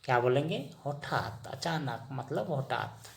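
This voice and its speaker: A man teaching vocabulary in a slow lesson, asking the listener each word and then repeating the answer. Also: mid-range voice, vocal fry, sharp tone. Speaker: language teacher.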